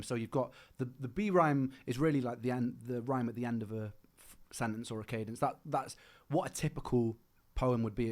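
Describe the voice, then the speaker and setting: A man's voice: medium pitch, a little mellow. A man chatting casually on a livestream, rambling through explanations with lots of restarts. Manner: rambling, explaining production and rhyme technique; frequent restarts and fillers like "man". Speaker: musician streaming.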